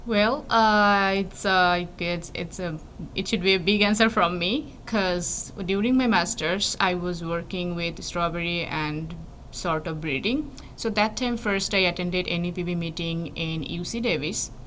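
A young Bangladeshi woman, a PhD student in plant breeding, answers interview questions thoughtfully, with lots of fillers and restarts. Her voice is fairly low, slightly bright, and unhurried. There's faint noise in the background.

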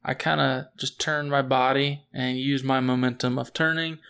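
A man's voice: medium pitch, steady tone, moderate pace, gravelly, a bit bright, clean tone. A man chatting casually as a player in a tabletop game, with dry, wry remarks.

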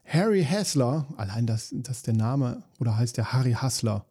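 A man's voice: medium pitch, expressive, moderate pace, dark tone, slightly rough. A man hosting a podcast, reading jokes aloud in a dry, weary, self-mocking way, with asides between them.

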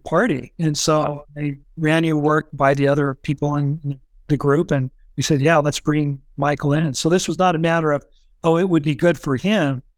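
A man's voice: a little high, no room sound. A man recounting shared history in an easygoing, conversational way as the interviewer. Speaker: interviewer, writing group colleague. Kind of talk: conversational recollection.

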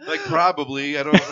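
A man's voice: on the high side, bright, forceful tone, muffled recording. A man in casual podcast banter, self-deprecating and plain-worded.

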